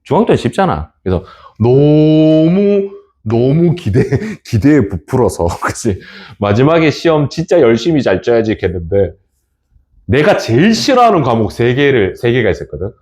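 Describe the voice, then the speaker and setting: A middle-aged male teacher tells stories to his class in an animated way. His pitch swings widely as he talks, often stopping to check in with his students. His voice sits in an ordinary middle register for a man. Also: normal speed. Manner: animated storytelling, frequent laughs and check-ins. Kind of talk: classroom lecture with personal stories.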